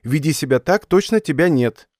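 Reading an audiobook, a man voices a stubborn, superstitious young woman student, pleading insistently in a raised, headstrong tone. His voice is a little high and pushed up yet close to everyday speech, animated, darkish, and at a moderate pace. The recording is dry and studio-clean.

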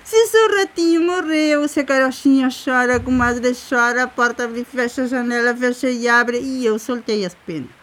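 A woman's voice: a little high, fairly even intonation, moderate pace, few pauses, a bit bright, natural voice. A woman voicing sad talking animals and household things in a folk tale, with wailing, singsong repetition. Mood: lamenting.

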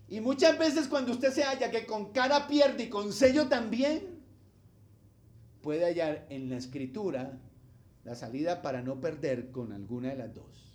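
A man preaching a sermon as pastor, speaking, asking his congregation questions and acting out the voices of the people in his examples. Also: high voice. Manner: animated preaching, acts out quoted voices, asks the congregation questions.

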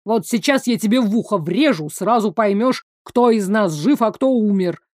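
A woman voicing a hot-tempered young tsarevich who barks insults in a slow, drawn-out way. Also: medium pitch, lively intonation, darkish tone, no room sound, clean studio sound, close to an everyday voice. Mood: angry. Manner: gruff, barking insults, slow drawn-out delivery.

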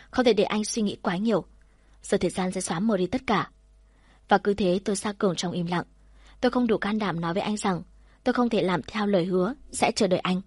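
A woman narrating a first-person story in a soft, measured, heartfelt way. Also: medium pitch, breathy edge, no room sound, clean studio sound.

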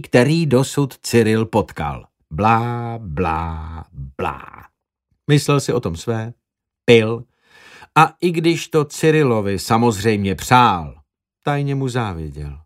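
A man narrating an audiobook at a middling pitch. His delivery is expressive, with lively swings of intonation that carry the story along.

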